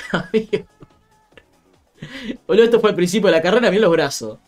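A man's voice: high voice, lively intonation, moderate pace, soft background music. A young man with a Rioplatense Spanish accent, chatting casually about football on a live stream, laughing often and reading out viewer comments.

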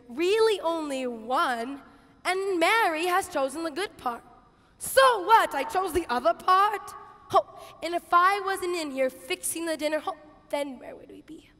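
A young woman plays a harried, exasperated hostess ordering her kitchen about in a stage monologue. The voice is very high and girlish, with exaggerated theatrical intonation and an unhurried, drawn-out pace. It rings in a large auditorium. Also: full character voice. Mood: indignant, baffled. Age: teens to young adult. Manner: exaggerated, theatrical intonation, swinging from hushed asides to shouts. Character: flustered, bossy Martha, harried biblical kitchen hostess, exasperated with sister. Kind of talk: dramatic monologue, expressive stage reading. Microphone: headset.

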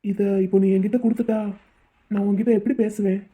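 A woman voicing a devoted rich young man in a cartoon drama, husky and pleading. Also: mid-range voice, fairly even intonation, fast talker, mellow, close to an everyday voice. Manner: pleading, tender. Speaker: voice actor. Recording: tinny phone-like audio.

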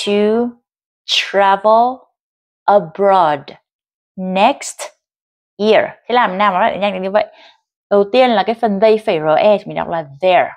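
Online, a middle-aged Vietnamese woman gives an English dictation lesson, reading each sentence slowly and clearly before explaining it in Vietnamese. Her pitch is medium, and there's no room sound.

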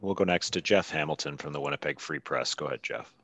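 A man's voice: a bass voice, fast, fairly bright tone. A man moderating a press conference, making short, routine handoffs to reporters. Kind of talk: brief announcements.

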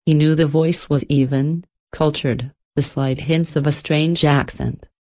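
A woman with a low voice reads a scripted horror story. She tells it in a steady, measured way, with clear phrasing from line to line. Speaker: narrator.

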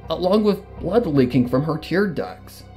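Slightly high but darkish in tone, a man's animated, unhurried voice carries a scripted first-person fan fiction story told as dramatic narration. Guitar and plucked string music accompanies him.

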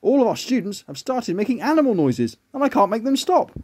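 A man's voice: very high voice, sing-song, brisk, darkish tone, breathy edge, voice pushed up, heavily acted. Man doing a flustered mash teacher. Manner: flustered, formal. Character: flustered male schoolteacher made of mash.

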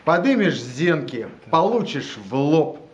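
High-pitched man dramatically declaiming poetry. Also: very animated. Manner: emphatic, drawn-out, rhythmic delivery. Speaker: poet reading own verse. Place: gallery room with seated guests at tables. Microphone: handheld camera nearby. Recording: muffled, noisy, echoey room recording.

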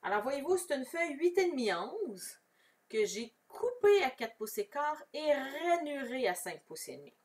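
A Québécois woman talks viewers through a card-making demo in a relaxed, chatty way. Her fairly high voice rises and falls a lot as she explains each step. She sits a little back from the mic. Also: normal speed. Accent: Québécois French. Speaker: crafting demonstrator. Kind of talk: casual live craft tutorial. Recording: voice somewhat far from the mic.

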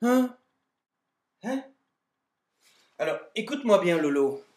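A man's voice: high-pitched, very animated, takes it slowly. A man telling a comic version of a fairy tale at home, recorded on a webcam in front of a door, with mock-exasperated asides. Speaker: amateur video maker telling a fairy tale. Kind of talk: comic storytelling.

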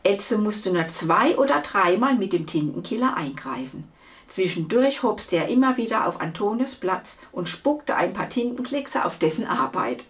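A woman reading a children's book aloud, with lively, expressive storytelling. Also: medium pitch, normal speed. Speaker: storybook reader.

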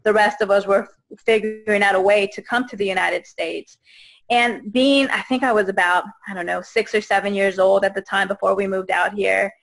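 A woman in her thirties from Guatemala, a guest telling her own story on a video call, earnest and halting with many fillers and restarts. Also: mid-range voice, fairly even intonation, vocal fry, poor audio. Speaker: interview guest. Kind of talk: personal testimony in a video call. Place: indoors, small room. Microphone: video call webcam.

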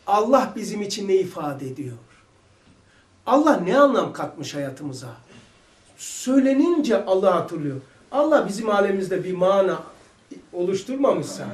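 A man teaching a religious lesson, fervent and firing rhetorical questions, at times shouting. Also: sits high, roomy sound.

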